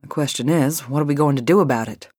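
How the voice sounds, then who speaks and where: A woman's voice: low-pitched, fast talker, a little mellow, slightly rough, no room sound, clean studio sound. A woman reading an audiobook voices a grim, practical male business partner.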